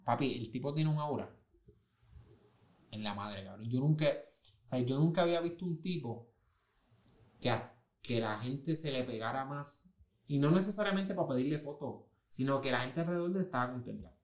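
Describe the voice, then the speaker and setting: A man's voice: mid-range voice, moderate pace, long pauses. A man chatting casually in a recording studio, telling stories in a loose, slangy way with many restarts. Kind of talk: casual chat.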